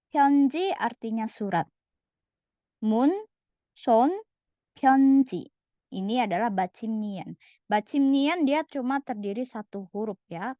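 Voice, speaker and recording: A woman teaching a language lesson, patiently repeating each word slowly for her students. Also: fairly high pitch, a little mellow, no room sound. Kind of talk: slide-based lesson. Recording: dull, lo-fi voice recording.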